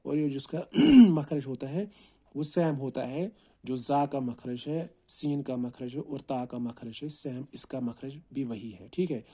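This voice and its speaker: A man's voice: medium pitch, slightly rough. A man teaches how to pronounce Arabic letters, explaining each one patiently and often asking "right?". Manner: explains slowly, then calls out each letter long and loud. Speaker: Quran recitation teacher.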